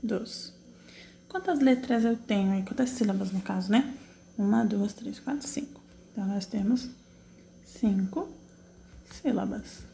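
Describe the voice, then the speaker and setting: A woman's voice: medium pitch, gravelly, dark tone, a little hiss or hum. A woman teacher, patiently correcting exercises in an online class, asking questions and answering them herself step by step. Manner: slow, drawn-out syllable spelling while typing.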